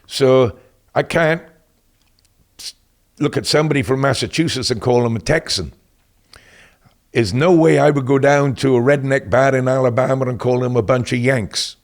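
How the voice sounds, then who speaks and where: Older Welsh man telling lively stories. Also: medium pitch, normal speed, long pauses. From Wales. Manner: lively anecdotes, acts out quoted voices. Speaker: guest, military veteran. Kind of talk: casual interview storytelling.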